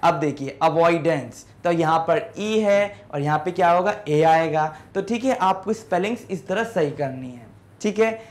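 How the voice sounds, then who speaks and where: A man's voice: a little high, expressive, a little slow. A man teaching an English class, explaining step by step and often checking in with students. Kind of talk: classroom lesson in Hindi with English words.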